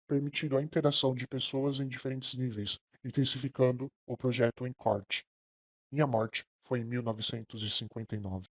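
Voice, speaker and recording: A young Brazilian man speaking as a famous old American architect, reading a scripted first-person account in a steady, proud tone for a class project. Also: medium pitch, no room sound, lightly acted. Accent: Brazilian Portuguese. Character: famous elderly male American architect, proud of his work. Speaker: architecture student.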